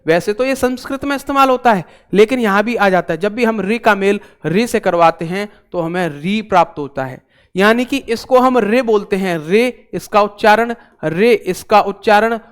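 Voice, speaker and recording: A man's voice: sits high, moderate pace, clean tone. A man teaching an online exam-prep class, chatty and repetitive, with joking asides to his viewers.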